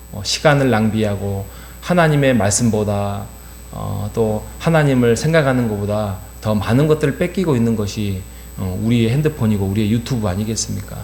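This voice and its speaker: A man's voice: medium pitch, a little mellow. A middle-aged man preaching an early-morning sermon in a church, earnest, with many fillers and rhetorical questions. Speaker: pastor. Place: church sanctuary. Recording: roomy church sound with faint hum.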